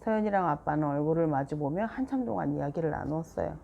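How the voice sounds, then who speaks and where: A woman narrating a children's storybook aloud in a calm, even manner. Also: low voice, fast talker, creaky, muffled recording, a little hiss or hum. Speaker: storybook reader. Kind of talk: children's book read-aloud.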